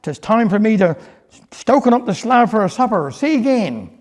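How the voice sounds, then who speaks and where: A man's voice: high voice, very animated, moderate pace. A man with a Cornish West Country accent telling a folksy dialect story, slipping into dialogue as he narrates. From Cornwall, England.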